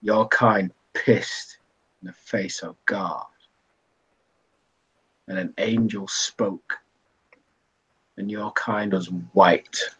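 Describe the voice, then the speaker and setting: A man voicing a sly male information broker in a put-on, wavering Irish accent, speaking in hushed, conspiratorial tones. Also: deep voice, husky, pitched below the performer's own voice, exaggerated voice. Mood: ominous. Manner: hushed, conspiratorial, drawn-out delivery. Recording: dull lo-fi recording.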